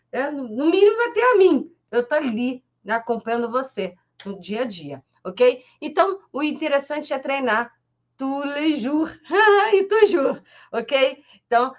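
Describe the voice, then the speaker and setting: A woman's voice: high-pitched, highs cut off. A Brazilian woman teaching an online French class on a live stream, chatty and peppering her talk with little tag questions. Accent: Brazilian Portuguese.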